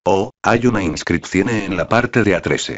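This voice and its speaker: This is an impulsive, chatty young woman, read by a man in his own low voice. The lines come out flat and even, like a screenplay read aloud. The sound is dull and lo-fi. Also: measured pace.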